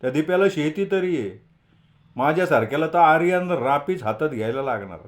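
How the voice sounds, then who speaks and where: A man doing a loud, teasing young student. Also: fairly high pitch, animated, fairly quick, voice pushed up, lightly acted.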